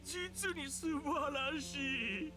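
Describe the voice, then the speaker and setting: An actor playing an ancient, sly male fox spirit in a video game, with slow, theatrical villain menace and old-fashioned speech. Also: very high voice, music in the background, heavily acted. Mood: gloating menace.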